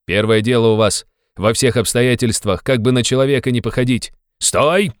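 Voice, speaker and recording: A man voicing a hot-tempered, blustering young male friend who shouts and scolds. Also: medium pitch, normal speed, smooth, no room sound, studio quality, voice pushed up, lightly acted. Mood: blustering scolding.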